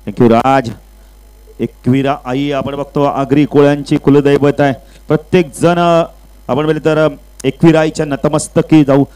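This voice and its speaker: A man narrates a local cricket game outdoors through a PA microphone at a measured pace with a clean tone, getting louder and higher when runs or wickets come and easing off between deliveries. English cricket vocabulary is mixed into his speech. Faint music plays behind him, and the audio quality is poor.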